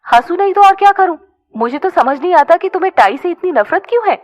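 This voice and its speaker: A woman doing a chatty, high-voiced young woman. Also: big pitch swings, moderate pace. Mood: alarmed. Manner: chatty, scolding. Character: bubbly chatty young woman, quick to scold. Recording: dull lo-fi recording.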